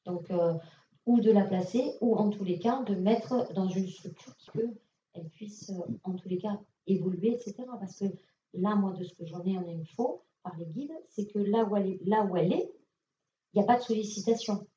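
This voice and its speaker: A woman's voice: mid-range voice, moderate pace, warm tone. A woman medium giving casual, direct readings to an audience at a conference, speaking with many fillers. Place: conference hall. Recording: echoey hall, distant lo-fi mic.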